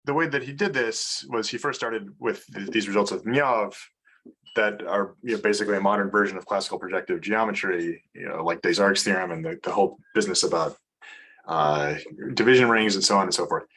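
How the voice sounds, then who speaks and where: A man's voice: fairly low pitch, brisk, fairly bright tone, slightly rough. A man giving an informal research seminar talk on mathematics over a video call, hesitant, with many fillers and restarts. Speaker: mathematics lecturer.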